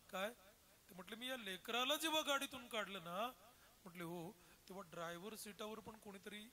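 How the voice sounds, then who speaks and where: Marathi-accented male kirtan preacher, high bright voice, emotional storytelling. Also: a little hiss or hum. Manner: emotional storytelling, voicing characters in quotes.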